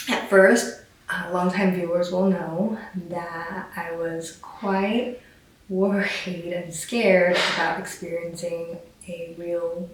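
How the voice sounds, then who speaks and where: Chatty woman in a very echoey room. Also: fairly low pitch. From Taiwan. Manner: chatty and enthusiastic, rambling asides. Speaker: knitting podcast host. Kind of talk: casual chat to camera. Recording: very echoey room, distant mic, faint hiss.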